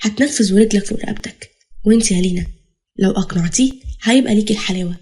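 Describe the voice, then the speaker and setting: A woman's voice: mid-range voice, very fast, mellow, natural voice. A woman doing a stern, threatening father. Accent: Egyptian. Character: harsh domineering father, middle-aged man.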